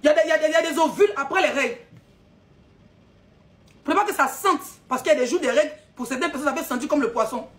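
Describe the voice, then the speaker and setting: A woman's voice: sits high, expressive, fast, long pauses. A woman ranting on a live stream, scolding and mocking her audience with frequent laughs.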